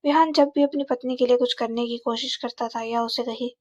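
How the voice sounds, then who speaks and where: A woman narrating a scripted family drama story in a steady storytelling manner. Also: fairly high pitch, fairly quick, dry recording. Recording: slightly dull, dry recording.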